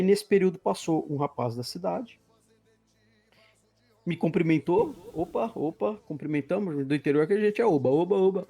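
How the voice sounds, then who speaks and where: Guest spot: man, higher voice, mellow tone, earnest storytelling with acted-out quotes. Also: vocal fry. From Brazil. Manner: earnest, vivid, acts out dialogue. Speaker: podcast guest. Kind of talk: personal testimony storytelling.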